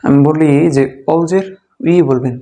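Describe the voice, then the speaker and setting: A man teaching beginners to read, slowly and patiently repeating letter sounds in a drilled lesson. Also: a little high, dark tone. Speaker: Quran reading teacher.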